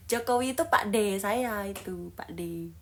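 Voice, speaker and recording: A woman from Lampung, Indonesia, hosting a livestream and chatting casually with viewers in a playful, teasing way, often dropping to a soft whisper. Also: mid-range voice, takes it slowly. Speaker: livestream host. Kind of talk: casual livestream chat reading viewer comments.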